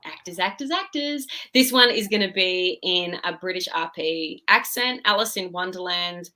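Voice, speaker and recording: A woman talking casually and informally as a director in an interview about productions, animated and thinking aloud as she goes. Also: on the low side, normal speed. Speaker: director of theatre podcast productions.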